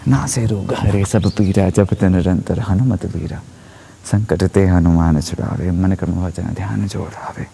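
A young man recites in a slow, hushed, often half-whispered voice that sits low and gravelly. His tone is dark and mellow, with a faint hiss of outdoor noise behind it. He speaks into an earphone mic out in a forest. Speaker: spoken word performer. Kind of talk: soft spoken-word devotional recitation. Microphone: wired earphone mic, phone at arm's length.

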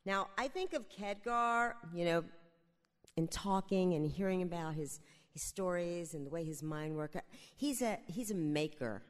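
A host introducing the next storyteller on a theater stage, unhurried with pauses. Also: medium pitch, lively intonation. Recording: live theater hall reverb.

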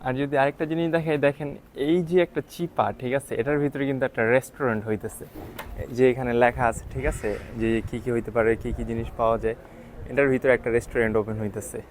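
A man filming a walking travel vlog outdoors, talking softly because he is tired and often checking in with his viewers. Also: mid-range voice, fairly even intonation, fast talker, slight background noise. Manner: keeps checking with "ঠিক আছে?". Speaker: travel vlogger. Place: outdoors on hilltop town streets.

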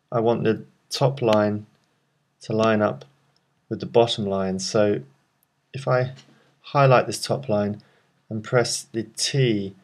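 A man presenting a software tutorial, calmly explaining each step of a screen walkthrough with frequent ums. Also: fairly low pitch.

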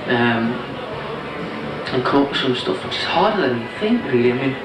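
A man who co-hosts a TV show, chatting casually and musing hesitantly with pauses. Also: mid-range voice, animated, distant mic, very noisy. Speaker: TV show host. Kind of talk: casual chat. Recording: echoey room, off mic.

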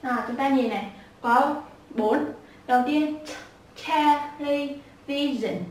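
A high-voiced woman teaches children to pronounce words, going slowly and repeating each one sound by sound. She speaks from a little way off the mic in an echoey room. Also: distant mic, slight background noise. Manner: patient, repeats each word slowly and breaks sounds apart. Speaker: English pronunciation teacher for children. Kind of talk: slow spoken lesson with repeated drills.

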